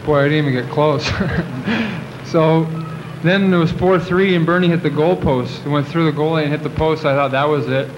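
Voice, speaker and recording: A young man in his twenties answers reporters after a game. His voice sits slightly high, and he rambles through fillers and restarts. The old video recording carries a clear hiss. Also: steady tone, normal speed, lo-fi sound. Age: 20s. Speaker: athlete at a post-game press conference. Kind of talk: post-game press conference answers. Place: press conference room. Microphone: table microphones at the podium.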